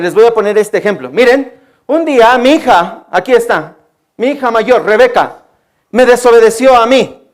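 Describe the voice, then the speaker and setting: A man preaching a sermon to children, asking them questions and answering them himself, and dropping low and quiet on the key answers.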